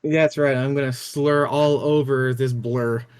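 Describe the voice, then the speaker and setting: A man's voice: mid-range voice, steady tone, a little slow, clear, resonant tone. A man streaming and chatting casually about games, a few drinks in and slurring a little, swearing freely. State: tipsy, slightly slurring. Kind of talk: casual gaming chat.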